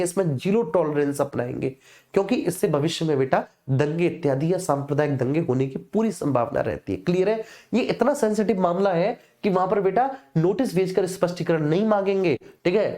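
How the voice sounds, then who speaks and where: With a fairly low, mellow voice, a woman leads an informal exam coaching class. She explains things didactically, often repeating herself and using frequent tag phrases to make sure students are following.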